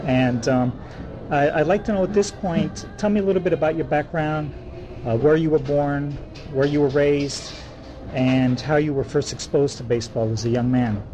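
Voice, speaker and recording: A man conducting an oral history interview, asking measured questions with frequent fillers. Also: fairly high pitch, highs cut off.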